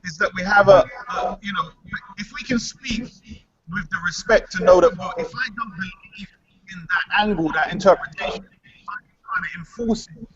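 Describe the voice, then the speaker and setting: A man's voice: high voice, moderate pace, a bit bright. Man on a crackly, cutting-out phone line. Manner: insistent, talks in long run-on points. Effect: audio cutting in and out, crackly mobile connection. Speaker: debate participant in an online voice room. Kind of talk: heated online debate. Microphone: mobile phone. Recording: muffled lo-fi mobile audio.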